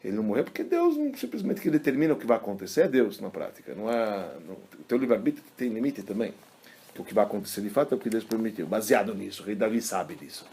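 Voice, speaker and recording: A man, a rabbi giving a casual religious lesson and telling stories in an animated, colloquial way. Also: on the low side, fast talker, slightly rough. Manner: animated, colloquial storyteller, acting out quotes. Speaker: rabbi teaching a class.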